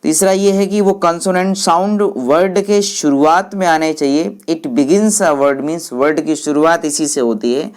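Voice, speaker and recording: A woman teaching English, explaining each point slowly and repeating English phrases in Hindi while speaking to viewers as friends. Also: low-pitched, a little mellow.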